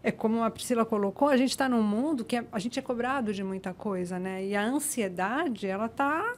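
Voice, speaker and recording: A woman's voice: a little high, a little fast, slight background noise. A woman, a psychologist guest on a podcast, explaining her ideas with rhetorical questions. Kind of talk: conversational podcast interview.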